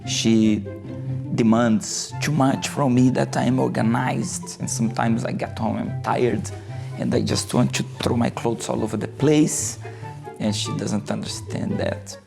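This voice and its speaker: A middle-aged man speaks as a talk show guest, his voice gravelly with fry. He hesitates and hunts for words. Clear music plays behind him. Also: mid-range voice, steady tone, a little slow. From Brazil. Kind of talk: casual talk show chat.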